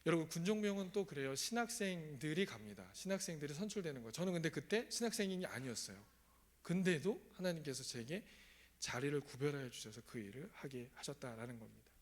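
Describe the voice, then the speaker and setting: A man's voice: a little high, animated, quick pace. A man preaching a sermon in a church, telling his own story and often asking the congregation questions. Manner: asks the congregation questions, conversational. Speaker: pastor. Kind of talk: sermon with personal testimony. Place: church sanctuary.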